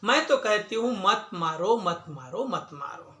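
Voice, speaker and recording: A man telling a religious story, voicing a pious, merciful old woman who pleads softly. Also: high voice, animated, unhurried, exaggerated voice. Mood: pleading. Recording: echoey room.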